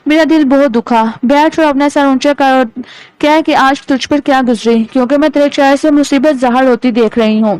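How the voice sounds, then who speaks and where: A woman's voice: high-pitched, fairly even intonation, a little mellow, no room sound, close to an everyday voice, poor audio. A woman voicing a devoted young woman in love, speaking earnestly and pleadingly in a read-aloud tale. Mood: tender, earnest.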